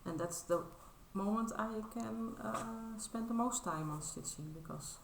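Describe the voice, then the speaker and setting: In a noisy, roomy recording, a Dutch woman in her thirties chats in English on her crafting vlog for a casual show-and-tell. Her voice is a little high, a little slow and creaky, and she's hesitant, modest and apologetic, full of fillers and restarts.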